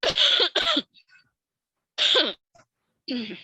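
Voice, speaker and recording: A woman's voice: very high-pitched, wildly swooping pitch, drawn-out words, pushed and bright, no room sound. A woman teaching a religious class on Quran recitation, explaining step by step and often ending phrases with a questioning "ya". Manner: explains step by step, frequent tag "ya", demonstrates recitation aloud.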